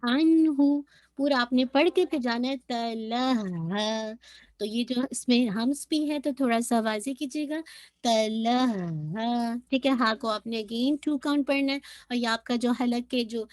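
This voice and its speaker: A woman's voice: a little high, no echo. A woman teaching Quran recitation in an online lesson, patiently demonstrating sounds and often checking that her students follow. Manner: patient, demonstrates sounds slowly and repeats them; frequently checks in with the class.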